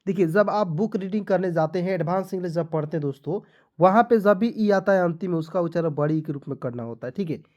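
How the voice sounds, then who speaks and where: A man's voice: high voice, fast talker, darkish tone, highs cut off. A man giving a spoken lesson for beginners, asking questions and answering them himself while spelling words letter by letter. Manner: patient, repetitive explaining. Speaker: English teacher.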